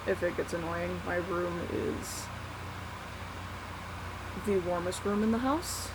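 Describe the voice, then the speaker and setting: Young adult vlogger, slow, candid and self-deprecating delivery, recorded on a laptop with a loud fan running. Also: mid-range voice, noisy background. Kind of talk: casual unscripted confessional vlog, one take. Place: small warm bedroom at night. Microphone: laptop built-in mic. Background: whirring fan.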